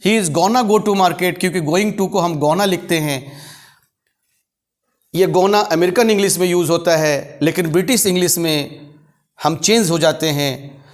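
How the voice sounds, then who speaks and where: A man teaches a grammar lesson in a fairly high voice. He talks slowly and deliberately and spells out each example sentence word by word, then says it again. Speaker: English teacher. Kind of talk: spoken English lesson explaining grammar.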